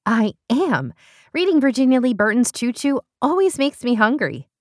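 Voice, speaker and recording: A woman voicing an excitable young woman who gushes and squeals with breathless excitement. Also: on the high side, moderate pace, no room sound, clean studio sound, voice pushed up. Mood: eager.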